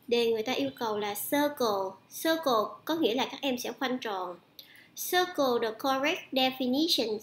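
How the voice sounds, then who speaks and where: A woman with a Vietnamese accent teaching an online English lesson, mixing Vietnamese and English and repeating words slowly for students. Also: a little high, roomy sound. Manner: slow, drawn-out repetition of words for students.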